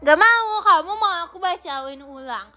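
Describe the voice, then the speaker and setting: A woman's voice: very high voice, animated, normal speed, sharp tone. A woman live streaming from home, chatting casually and playfully teasing her viewers as she reads their comments aloud. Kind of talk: casual livestream chat reading viewer comments.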